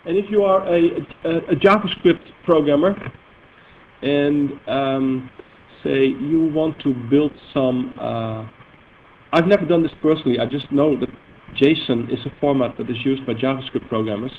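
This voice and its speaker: Heard on tinny, lo-fi audio resembling a phone line with faint noise, a Dutch man from the Netherlands with a mid-range voice gives a live technical demo. As a software presenter demonstrating database queries, he explains in a halting, self-correcting way packed with fillers.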